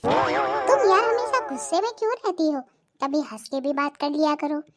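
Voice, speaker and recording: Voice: sits high, big pitch swings, normal speed, a bit bright, soft background music, exaggerated voice. A voice artist playing a henpecked older cartoon husband who teases his wife and complains about her. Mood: joking. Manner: mocking, wheedling, complaining. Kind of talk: cartoon voice acting.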